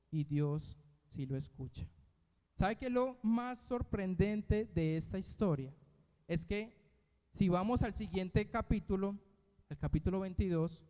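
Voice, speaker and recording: A man's voice: darkish tone, clear, resonant tone. Man preaching, rising and falling. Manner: storytelling, rising to emphatic peaks then dropping low. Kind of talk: sermon with personal testimony. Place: church hall. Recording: reverberant church hall.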